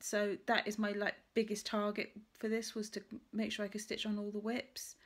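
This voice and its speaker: Speaking in a mid-range monotone at normal speed, this woman vlogger talks casually to camera about stitching and her crafts. Her thoughts come out rambling, and she keeps correcting herself along the way.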